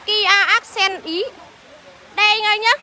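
A young woman selling used cars on a livestream, talking briskly as she reels off prices and calls out to viewers. Her voice is very high and bright. Faint outdoor noise and passing traffic sit behind her. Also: steady tone. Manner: brisk sales patter, reels off prices and addresses viewers as "anh". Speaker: used car seller livestreaming. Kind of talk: live sales stream, reading out prices and greeting viewers. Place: outdoor used car lot.

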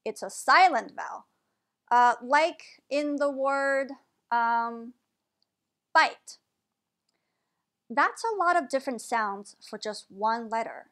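Slow, high-voiced woman teaching pronunciation. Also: lively intonation, fairly bright tone. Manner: carefully modeled pronunciations. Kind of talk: slow, clear lesson delivery.

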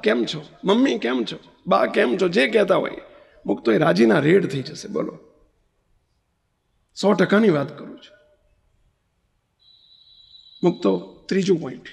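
Man, spiritual leader, sermon, husky gravelly voice, asks listeners direct questions, reverberant assembly hall. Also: high voice. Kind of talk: storytelling sermon. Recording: long reverb of a large hall.

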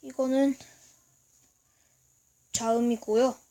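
A woman giving a casual video lesson, explaining slowly and haltingly and often clearing her throat. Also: on the high side, level tone, warm tone. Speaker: language teacher. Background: noise from outside.

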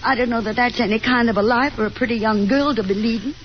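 A fast-talking actress with a fairly high voice, close to how she'd normally speak, portrays an anxious, reproachful middle-aged Southern mother who frets, nags and insists on things. It's done in 1950s radio drama style, and the broadcast recording is dull and noisy.

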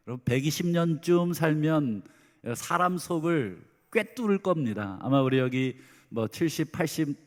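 A middle-aged man preaching a Sunday sermon as senior pastor, lively and dramatizing the voices of parents and children. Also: medium pitch. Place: church sanctuary. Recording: long hall reverb.

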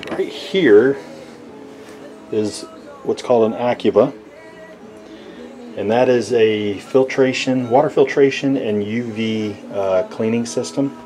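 A man giving a casual walkthrough of his sailboat from behind the camera, relaxed and halting with lots of fillers. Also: mid-range voice. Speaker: boat owner giving a tour. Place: inside a sailboat cabin. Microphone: handheld camera mic, speaker off camera.

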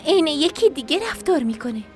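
A worried loyal friend. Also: female voice, high-pitched, animated, soft background music. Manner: worried, earnest. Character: worried woman, longtime friend of the troubled heroine. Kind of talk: Persian dub of a TV drama.

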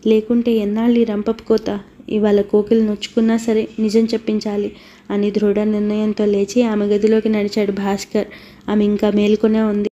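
Woman, audiobook narrator, novel reading, near-monotone pitch, mellow darkish tone, unhurried. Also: highs cut off.

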